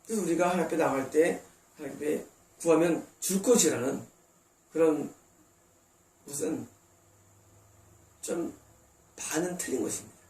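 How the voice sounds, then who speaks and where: A male pastor with a fairly high, warm voice preaches at a normal speed with long pauses, over slight background noise. His emphatic sermon, recorded roomy and distant in a church sanctuary, features brief quoted asides in which he plays God and congregants.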